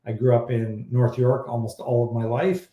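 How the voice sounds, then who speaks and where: A man who is a fertility doctor, originally from Iran, answering viewer questions in a casual live chat, blunt and animated. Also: medium pitch, moderate pace, reverberant, lo-fi sound. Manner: blunt, animated, exasperated at odd claims.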